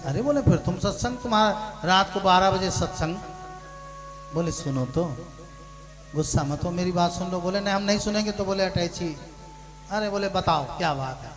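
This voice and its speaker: A man with a high voice preaches to his listeners and tells a parable, now hushed, now raising his voice for the big lines. Music plays clearly behind him. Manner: shifts between hushed storytelling and loud shouted punchlines. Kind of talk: sermon storytelling with acted dialogue.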